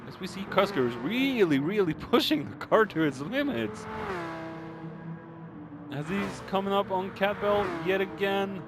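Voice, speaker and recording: An esports racing commentator calls the race live in a high-pitched male voice, with vehicle noise clearly audible behind him. His excitable delivery is informal and exclamatory, a little slow, with lively intonation and hesitations between phrases. His voice sounds strained, as though it's beginning to give out.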